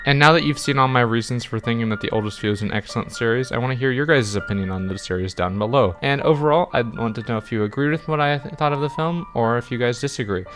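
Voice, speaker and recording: A man with a mid-range voice narrates a scripted video essay review as the channel's host, speaking quickly with hardly any pauses. His phrasing is emphatic and wordy, leaning on repeated words, with music playing in the background.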